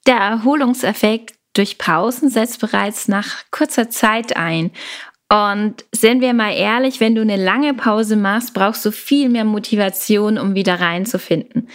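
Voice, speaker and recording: A woman coaching the listener on taking breaks, informal and encouraging, speaking directly to "you". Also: medium pitch. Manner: friendly explanatory tone. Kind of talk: advice video on stress and breaks.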